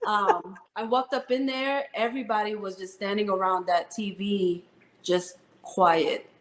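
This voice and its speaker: A woman in her thirties, an Army first sergeant, speaks earnestly in an interview with plenty of "um"s. Her voice is mid-pitched and rings in a roomy space. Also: fairly even intonation, measured pace, noisy background. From Philippines, raised in New Jersey. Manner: earnest, heartfelt storytelling with fillers. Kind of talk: interview conversation.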